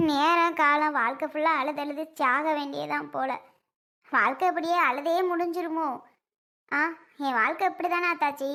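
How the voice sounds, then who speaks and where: Lady doing a crying young wife, high wailing voice. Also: fairly bright tone. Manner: sobbing, tearful, wailing lament. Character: heartbroken young wife, weeping and pleading.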